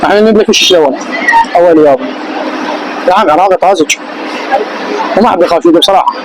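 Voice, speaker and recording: A man with an Iraqi Arabic accent and a high-set voice, hosting a food vlog. He talks very rapidly in colloquial, punchy phrases, over clear outdoor street and traffic noise. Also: crowd noise. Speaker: food vlogger and host.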